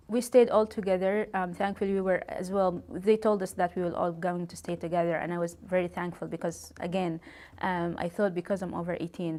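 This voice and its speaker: A woman, giving a halting, reflective personal testimony. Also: fairly low pitch, a little mellow. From Sudan. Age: 30s. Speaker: interviewee telling her story.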